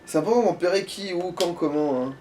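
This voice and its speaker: Sweary, higher-voiced man playing video games. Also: normal speed, mellow, faint music behind. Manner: crude, sweary. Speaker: gaming video host, playing. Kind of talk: casual let's-play chat. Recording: faint background noise.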